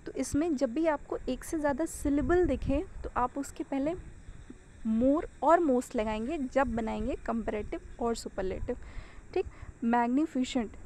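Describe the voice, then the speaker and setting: A woman with an Indian accent teaching English grammar in Hindi mixed with English. She explains step by step, asks questions and then answers them herself, and slows down when she states the rules in English. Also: a little high, dark tone, slight background noise, rough recording.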